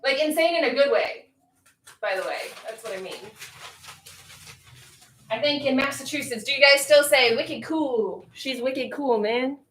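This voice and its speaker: A woman from the northeastern United States hosting a casual livestream, chatting straight to her viewers and saying herself that she talks fast. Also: high-pitched, fairly bright tone, reverberant, distant mic, slight background noise, low-quality recording. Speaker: livestream host.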